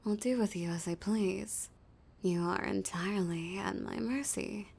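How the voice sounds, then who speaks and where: Voicing a flirtatious, domineering villain in an intimate audio roleplay, a woman taunts and threatens a hostage in breathy, husky tones that drop to whispers. Her voice is medium-pitched, a little mellow, and unhurried.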